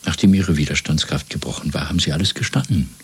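The villain of this restored 1970s German radio play is a coldly methodical, menacing party interrogator, voiced by a man in a very low, heavily husky, exaggerated register. Calm and formal, he speaks in a measured way and probes with rhetorical questions.

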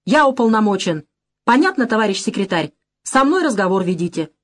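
A woman's voice: mid-range voice, very animated, a little fast. A woman reading an audiobook voices a scheming male camp ringleader who shrieks with hysterical contempt. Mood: shrill scornful. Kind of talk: audiobook character voice.

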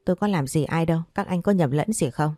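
A woman's voice: low voice, quick pace, dark tone, dry recording, clean studio sound, faint music behind, natural voice. A woman reading the lines of a spoiled, resentful young woman in an audio story. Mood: frightened. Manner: sulky, resentful.

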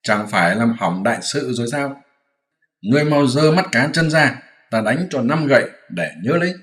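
A man voicing a sharp, mocking monkey-king disciple who teases and scolds, in a storybook reading. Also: mid-range voice, lively intonation, moderate pace, natural voice. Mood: scolding. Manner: scolding, teasing, commanding. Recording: roomy echoey room.

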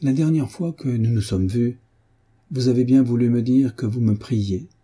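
A man's voice: medium pitch, normal speed, dark tone, husky, natural voice. A man reading the part of a young woman schoolteacher, earnest and imploring. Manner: imploring, heartfelt.

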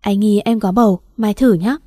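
A woman voicing a doting young husband, gentle and coaxing, in a read-aloud story. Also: mid-range voice, steady tone, normal speed, dry recording, studio quality, lightly acted.

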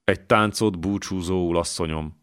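A man's voice: deep voice, steady tone, a bit bright, clear, resonant tone. A man reading an audiobook voices a bold young warrior who speaks with courtly politeness and a mocking edge. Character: bold young male warrior, proud and defiant.

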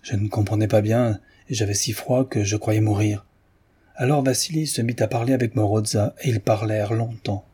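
A man reading the part of a gruff, dying old peasant confessing a crime he witnessed, in an audiobook. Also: lowish voice, steady tone, normal speed, mellow. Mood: grave.

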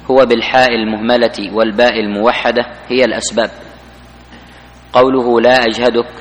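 A man reading a book's commentary aloud to the class in a mosque, in an even recitation. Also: medium pitch. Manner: even, flat recitation of the text. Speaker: student reading the text aloud. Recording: reverberant mosque hall recording.

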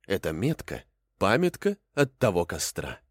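A man as a wise old male storyteller, low soft voice, unhurried, storybook reading, dry close sound. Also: huge pitch swings, no room sound, full character voice. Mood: gentle. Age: older.

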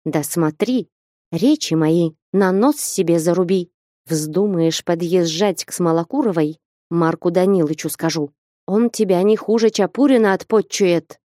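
A woman voicing a bold, sharp-tongued young woman who scolds and commands, in a read-aloud story. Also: unhurried, dry recording, clean studio sound, lightly acted. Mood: scolding. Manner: scolding, commanding, rising to high pitch. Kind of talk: audiobook character reading.

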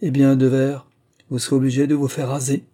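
A man's voice: medium pitch, little pitch movement, fairly quick, mellow, pitched above the performer's own voice, natural voice. A man voicing a fond, jovial prince and father, hearty and commanding.

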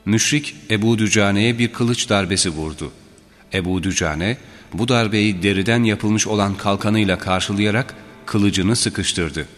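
Low male narrator, measured and solemn, reading religious history, long reverb and soft music behind. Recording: reverberant with faint background music.

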